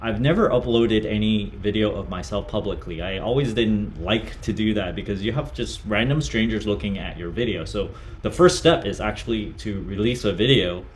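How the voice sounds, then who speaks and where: A man's voice: on the low side, normal speed, a little hiss or hum. A man hosting his own channel, chatting candidly and matter-of-factly about his earnings in a casual talk to camera. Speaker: personal finance YouTuber.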